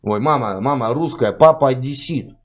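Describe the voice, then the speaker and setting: A man's voice: medium pitch, moderate pace. A man hosting a chat stream, pressing a caller with the same question in a persistent, mocking way. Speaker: streamer host. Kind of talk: prank chat interrogation.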